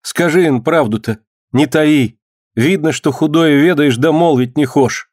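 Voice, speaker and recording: A man's voice: a little high, unhurried, a little mellow, dry recording, studio quality, voice pushed up. A man voicing a distraught peasant woman. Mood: pleading. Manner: pleading, distressed outcries. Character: anxious young peasant woman, pleading.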